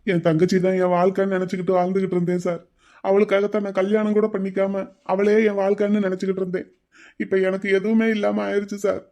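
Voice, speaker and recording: A man voicing a grieving older brother in an animated drama, speaking in a mournful, hopeless way. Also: sits high, quick pace. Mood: despairing. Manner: despairing, mournful.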